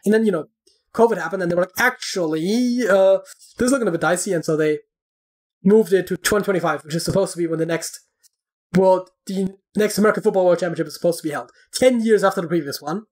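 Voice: mid-range voice, quick pace, a little mellow. A podcast guest in casual chat, explaining at length with many fillers and restarts.

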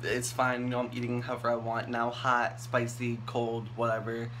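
Bright-voiced young man vlogging casually. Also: mid-range voice, monotone, normal speed. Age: young adult. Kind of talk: casual chat. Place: small indoor bathroom. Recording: clear background noise in bathroom.

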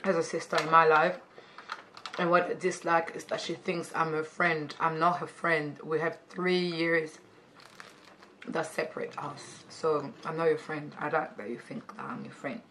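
A woman in her twenties hosts a relaxed sister tag video for her YouTube channel from an indoor living room couch, teasing playfully and slipping into hushed whispers now and then. She speaks at normal speed in a low voice with little pitch movement, with slight background noise.

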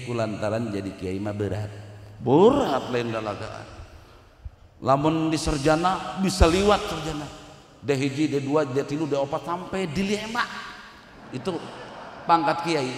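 A man's voice: on the high side, animated, a little slow. Sundanese man preaching in an echoey hall. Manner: jokey, acts out little dialogues. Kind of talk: humorous religious talk. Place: large hall at a memorial gathering. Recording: echoey hall with long reverb.

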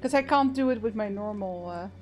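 A woman's voice: mid-range voice, brisk, a little mellow, faint music behind. A woman chatting casually as she plays a co-op game, hesitant and thinking aloud. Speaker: gamer playing co-op. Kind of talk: casual gameplay chat.

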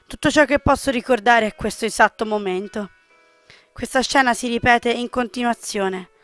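A woman reading a visual novel's narration aloud, expressive, with small slips and restarts. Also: a little high, dry recording.

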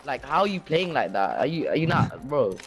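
Animated young man bantering over a game. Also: medium pitch, brisk, loud music behind the voice. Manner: slangy, repeats himself. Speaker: gamer. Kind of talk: casual gaming banter.

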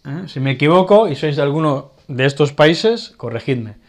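A man with a Spanish accent giving a casual grammar lesson, often pausing to check in with his learners. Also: a little high, lively intonation. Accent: Spanish from Spain. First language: Catalan. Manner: explanatory, checks in with frequent "vale". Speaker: Spanish teacher.

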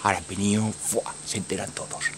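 A man's voice: sits low, steady tone, fast, background noise. A man from the Maresme in Catalonia with a Catalan accent, filming outdoors on a phone and keeping up a repetitive, muttering commentary that often drops to a whisper. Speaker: amateur filmer. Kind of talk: casual commentary while filming. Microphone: phone camera.

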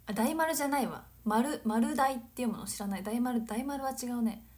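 A woman in her twenties from Nagano, chatting casually on a livestream, giggling and drifting into soft whispered asides. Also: a little high, normal speed. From Nagano, Japan. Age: 20s. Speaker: livestream host. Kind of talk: casual chat reading viewer comments.

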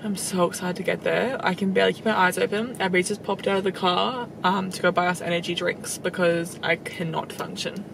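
A woman's voice: fairly low pitch, little pitch movement, a little fast, gravelly, hardly any pauses. A young Australian woman in her twenties chatting casually to a handheld camera on a road trip, leaning heavily on fillers like "like". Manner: chatty, filler-heavy, says "like" often. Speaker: travel vlogger. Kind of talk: casual vlog chat to camera. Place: car and outdoors on a road trip. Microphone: handheld camera or phone. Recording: noisy with vehicle and outdoor sound.

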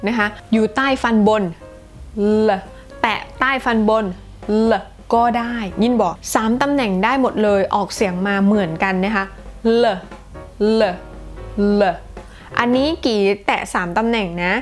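A woman with a Thai accent teaching English pronunciation in a playful, casual way, repeating sounds slowly and clearly. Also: medium pitch, faint music behind. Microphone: close to the camera.

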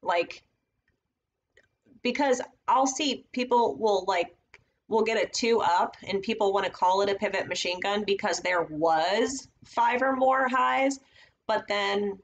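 A woman's voice: mid-range voice, dull audio. A woman casually teaching trading setups on a live stream, thinking aloud as she marks up charts at her computer. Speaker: trading educator.

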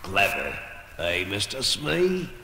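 A man's voice: on the low side, huge pitch swings, takes it slowly, pushed and bright, full character voice. A man playing a scheming, vengeful pirate captain, theatrical and gloating, in a children's story recording. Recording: roomy, reverberant, faint noise.

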